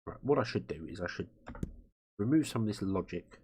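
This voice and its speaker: A game streamer gives live commentary while he plays, rambling and thinking aloud. His low, husky voice is expressive, fairly quick, and a little mellow. Guitar music plays under his voice.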